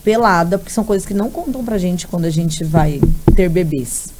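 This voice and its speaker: A woman in her thirties co-hosting a casual chat, telling an emotional personal story with lively acted-out quotes and tearful laughter. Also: on the low side, fairly quick. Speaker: podcast co-host. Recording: noisy background.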